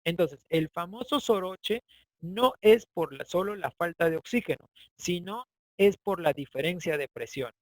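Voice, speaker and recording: Middle-aged Peruvian male teacher, high-pitched, chatty, keeps checking in with students; dry, close recording. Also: animated, unhurried, no room sound, low-quality recording. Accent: Peruvian Spanish. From Peru, Andean highlands. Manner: chatty, asks students for agreement. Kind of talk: online class lecture.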